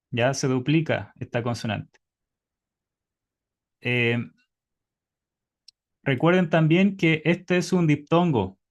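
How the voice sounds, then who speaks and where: A man teaching Hebrew in an online class by video call, patiently quizzing his students. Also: a little high.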